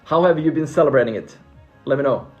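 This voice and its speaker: A man from Finland who grew up speaking Swedish hosts a laid-back live stream answering freelancing questions from viewers. He talks fast and expressively at a medium pitch, staying upbeat but repeating words and starting over while reading comments. The recording sounds muffled, with faint background music.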